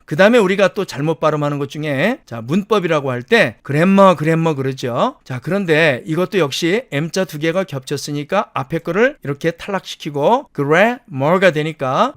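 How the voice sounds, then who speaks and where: A man lecturing as an English pronunciation teacher, explaining rules step by step, slowing down to demonstrate words, and asking rhetorical questions to check understanding. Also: a little high, a bit bright, no room sound, studio quality.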